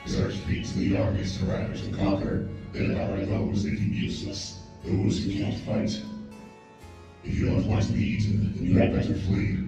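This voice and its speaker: A man reading a game's lines through a voice changer that morphs his voice, playing a hungry monstrous servant creature in a whispery, breathy way. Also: on the low side, monotone, moderate pace. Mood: menacing. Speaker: streamer voicing game characters. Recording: heavy echo, distant, game music behind.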